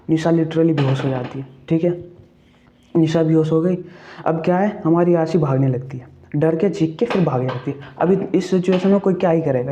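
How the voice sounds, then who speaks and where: A man's voice: fairly high pitch, dark tone, muffled recording, slight background noise. A man casually retelling a ghost story, chatty, checking in with the listener and asking questions as he goes.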